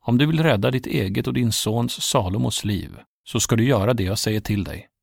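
Natan the old prophet, read by a man, presses his case in a low, deeply gravelly voice. He sounds urgent and worried, in a dry storybook telling. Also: a little mellow, no room sound. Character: anxious older male prophet Natan.

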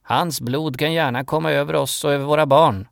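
A man voicing an angry crowd in a Bible story reading, shouting high and loud with a gravelly edge. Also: steady tone, no echo, studio quality. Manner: shouting, demanding.

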